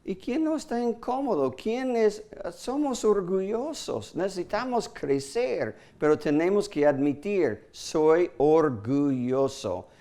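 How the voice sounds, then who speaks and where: Slow, emphatic male preacher. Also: lively intonation, dark tone. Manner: emphatic, with sudden pitch jumps and hesitant fillers; acts out short quoted apologies. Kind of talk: sermon.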